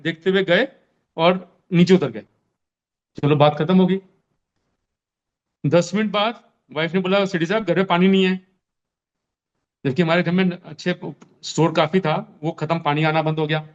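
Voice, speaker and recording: Animated man telling a story. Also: high-pitched, lo-fi sound. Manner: animated, acts out his own dialogue. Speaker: podcast guest. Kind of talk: casual storytelling.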